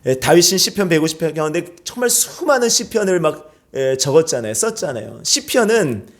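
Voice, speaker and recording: Korean pastor preaching, lively delivery. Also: male voice, a little high, a little fast. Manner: lively, shouts examples to the congregation. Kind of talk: sermon. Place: church sanctuary.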